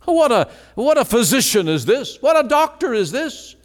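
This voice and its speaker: A man preaching an evening gospel sermon in a church meeting, emphatic, rising to exclamations and then dropping low. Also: big pitch swings, moderate pace. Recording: long reverb of a large hall.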